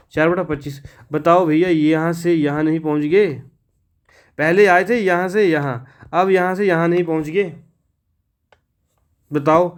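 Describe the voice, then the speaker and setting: Higher-voiced man teaching exam math. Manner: asks students questions and answers them, repeats steps; casual, addresses viewers as friends and brother. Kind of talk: exam-prep math lesson.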